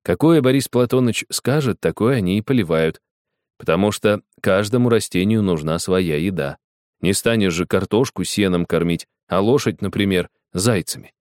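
Male storybook narrator, low and animated, dry close recording. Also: moderate pace, dry recording. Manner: expressive storyteller who acts out dialogue. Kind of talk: audiobook storytelling.

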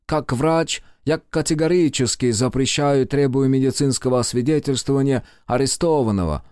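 A man's voice: mid-range voice, moderate pace, darkish tone, smooth, no room sound, clean studio sound, voice pushed up, close to an everyday voice. A man voicing a categorical, insistent doctor with a Baltic accent.

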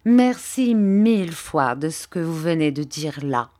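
A woman reads a fawning young clerk who dwells on his own humility, drawing out each ingratiating phrase. The voice sits fairly low and moves at an unhurried crawl. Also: expressive, warm tone. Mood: oily. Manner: unctuous, slow, ingratiating. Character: fawning, falsely humble young male clerk. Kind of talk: audiobook character reading.

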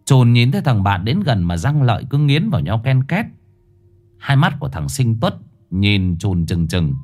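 Man narrating a lively story. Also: mid-range voice, moderate pace.

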